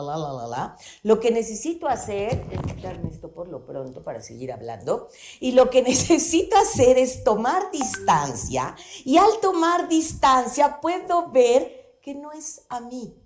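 Lively woman psychologist. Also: mid-range voice. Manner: animated, laughs often, playful examples. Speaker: psychology guest on radio show. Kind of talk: conversational radio talk. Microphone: studio microphone.

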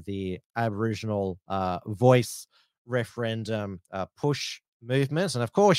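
Halting man giving commentary. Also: on the low side, no echo. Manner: halting, hesitant delivery. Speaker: political commentator. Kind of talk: informal political commentary.

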